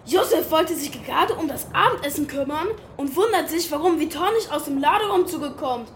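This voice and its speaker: Woman playing a high-voiced, indignant pirate captain. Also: expressive, moderate pace, a little hiss or hum. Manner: theatrical, commanding. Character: indignant male pirate captain, bossy, sauerkraut-obsessed. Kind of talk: audio drama acting.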